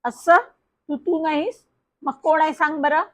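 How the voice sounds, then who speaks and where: A woman voicing a shrill, scolding middle-aged aunt who shrieks and accuses down the phone. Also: measured pace.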